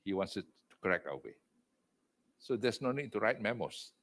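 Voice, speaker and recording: An older Malaysian-accented man, an entrepreneur and executive chairman, speaks as a guest in a video-call interview. He's loud and emphatic, sing-song at a moderate pace, mixing in Malay words and phrases and leaping to high exclamations.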